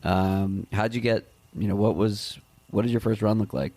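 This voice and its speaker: A man hosting a podcast interview, asking relaxed, friendly questions. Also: lowish voice, moderate pace, dry recording. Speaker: podcast host. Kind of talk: casual interview.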